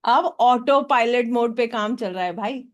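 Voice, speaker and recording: A woman's voice: fairly high pitch, unhurried. A woman teaching a hypnotherapy workshop, often checking with her audience for a yes or no. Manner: asks the audience for yes or no, mixing in English phrases. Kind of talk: workshop lecture.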